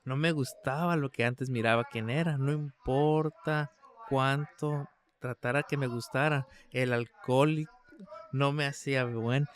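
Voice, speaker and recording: A man's voice: mid-range voice, fairly even intonation, unhurried. An older man preaching a translated sermon in an emphatic way, with frequent restarts and fillers. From United States.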